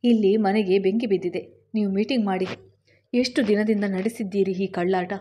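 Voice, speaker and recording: A woman's voice: medium pitch, little pitch movement, moderate pace, dark tone, a little hiss or hum, natural voice. A woman voicing an angry, betrayed young wife who accuses her husband in a raised voice. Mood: accusing.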